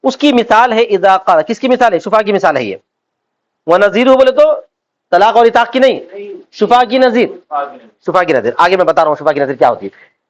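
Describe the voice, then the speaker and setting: A man's voice: sits high, expressive. A man teaching a religious law class, constantly asking his students whether they follow and acting out quoted speech. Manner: asks students constant check questions; acts out quoted speech in everyday voices. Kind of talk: classroom lecture on Islamic law. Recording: dull lo-fi lecture recording.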